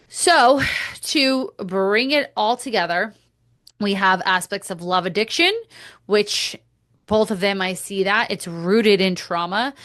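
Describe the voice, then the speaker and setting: A woman's voice: medium pitch, a bit bright, no echo. A woman hosting a podcast, giving blunt, opinionated commentary with casual swearing, close to the mic. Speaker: podcast host.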